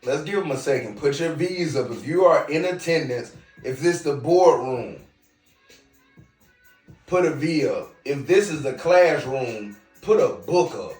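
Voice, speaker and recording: A man's voice: a little high, expressive, measured pace, a little mellow, distant mic. A man with a slight Southern US twang hosting a casual podcast monologue in a hookah lounge, brash and lecturing, speaking straight to his viewers. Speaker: podcast host. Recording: roomy, off-mic with music behind.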